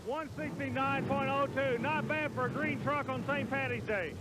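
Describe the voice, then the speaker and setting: A man's voice: very high voice, moderate pace. A man giving color commentary as a tractor pull announcer. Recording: very loud engine noise. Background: roaring engines at an indoor pulling event.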